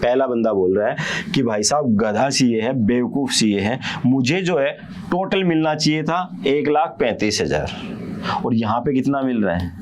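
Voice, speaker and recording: A young man teaching commerce in a casual lecture, acting out a quarrel between business partners and their accountant, and often asking his students quick check-in questions. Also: mid-range voice, animated, slight background noise. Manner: acts out partners' quarrels with a CA in quoted voices. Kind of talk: casual Hindi lecture with playful storytelling.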